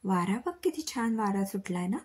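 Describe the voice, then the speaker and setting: A woman voicing a cheerful, teasing young female college student in a storybook reading, with a breathy voice. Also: mid-range voice, animated, normal speed, a little mellow. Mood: playful.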